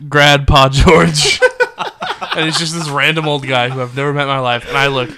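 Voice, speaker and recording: A man's voice: medium pitch, steady tone, fast, a crowd in the background. A man in a casual chat, easygoing as he tells a story and laughs at himself.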